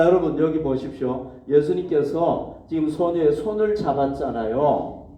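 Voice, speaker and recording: A man's voice: mid-range voice, dark tone. A male pastor preaching a sermon to his congregation, asking questions and answering them himself. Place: church hall. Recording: echoey church hall, mic at a distance.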